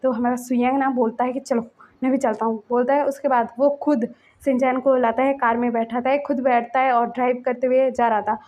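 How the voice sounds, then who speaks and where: Young female storyteller, casual and chatty, high voice, muffled home recording. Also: level tone, brisk, a little mellow. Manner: chatty, with filler words.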